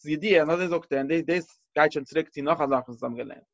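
A man's voice: on the high side, fast talker, gravelly, no echo. Man teaching a religious class, dull recording. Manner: thinking aloud, restarting phrases, mixing in Hebrew terms. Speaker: Torah teacher.

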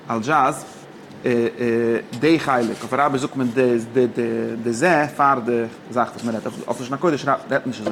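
A man teaching an informal text study lesson, halting and restarting often, mixing languages. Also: medium pitch, a bit bright, slight background noise. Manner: halting, mixes languages, many fillers and restarts. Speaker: teacher of religious texts.

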